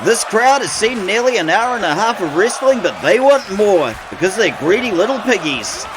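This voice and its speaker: A man's voice: high-pitched, big pitch swings, normal speed, crowd noise, noisy background. A man calling wrestling play-by-play as the show's commentator and host, sardonic and opinionated, with mock-grumpy asides. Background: music.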